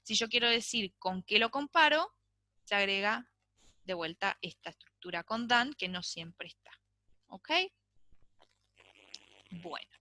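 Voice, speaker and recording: A woman's voice: medium pitch, unhurried, long pauses, sharp tone, no echo. A woman teaching an English grammar class, explaining patiently and checking in with frequent "¿sí?". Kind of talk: online class lecture.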